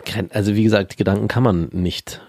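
A man in his thirties co-hosting a casual podcast, speaking dry and matter-of-fact, often trailing off into a low mutter. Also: steady tone, brisk, darkish tone, dry recording. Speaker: podcast co-host.

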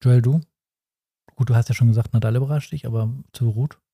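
A man's voice: mid-range voice, steady tone, fairly quick, gravelly, dark tone, slightly rough, no echo, studio quality. A man co-hosting a casual podcast chat, giving opinions and thinking aloud with many fillers. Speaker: podcast co-host.

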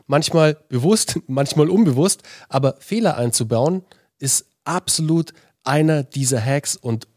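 A man's voice: mid-range voice, a little mellow, no echo, clean studio sound. A man co-hosting a marketing podcast, upbeat and speaking straight to the listeners. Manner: upbeat, encouraging, addresses listeners directly. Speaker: podcast co-host. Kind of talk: casual podcast chat.

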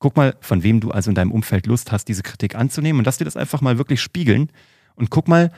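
A man's voice: mid-range voice, fast, gravelly, a little mellow, slightly rough, no echo, clean studio sound. A man hosting a podcast as a coach, giving a motivational monologue and addressing the listener informally and directly.

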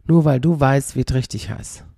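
Gravelly man rambling wryly. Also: medium pitch, moderate pace, mellow, no echo, clean studio sound. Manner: rambling and wry, mimicking pronunciations. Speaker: podcast host. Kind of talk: casual monologue.

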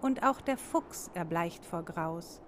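Brief: woman storybook narrator, low and unhurried, rhyming cadence, faint noise behind. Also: lively intonation. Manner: measured, sing-song rhyming delivery. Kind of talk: reading a rhymed children's storybook.

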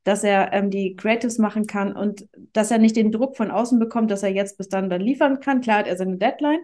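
A woman who is managing director of a marketing company speaks as an interview guest, casually explaining things by working through examples and adding tag questions. Her mid-range voice is brisk and a little mellow.

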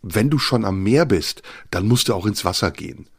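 A man telling a listener a personal story, reflective and unhurried, often pausing with fillers. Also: fairly low pitch, animated, breathy edge, dry recording, clean studio sound.

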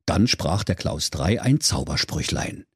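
A man's voice: low-pitched, very animated, measured pace, slightly rough, dry recording, studio quality. A man narrating a comic fairy tale in a playful storyteller tone. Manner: storyteller tone, playful, addresses children.

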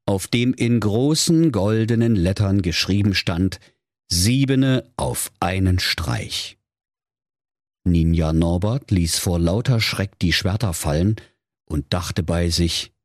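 A man's voice: sits low, unhurried, a little mellow, dry recording, clean studio sound. A man narrating a comic fairy tale in a playful storytelling manner.

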